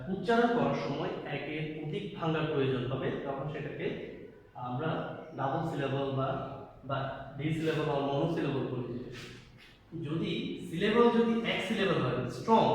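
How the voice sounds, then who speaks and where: A male teacher giving a grammar lesson, slow and deliberate in one language and quick in another, repeating key words for emphasis. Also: on the high side. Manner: switches between slow deliberate English and fast explanation. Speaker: English teacher. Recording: echoey hall, far from mic, faint noise.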